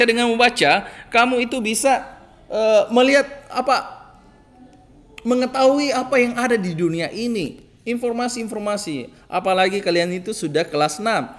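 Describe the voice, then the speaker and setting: Bright-voiced male teacher, halting and gentle. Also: high voice. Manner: hesitant, many fillers, gently admonishing. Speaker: primary school teacher. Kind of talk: recorded online class lesson.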